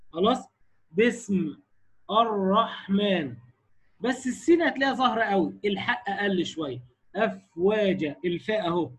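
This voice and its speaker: A man with an Egyptian accent lectures on Quran recitation in a high, husky voice. He keeps prodding the class with short questions and drags his example words out slowly to show the sounds. It is a recorded lesson for his students. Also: low-quality recording. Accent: Egyptian Arabic.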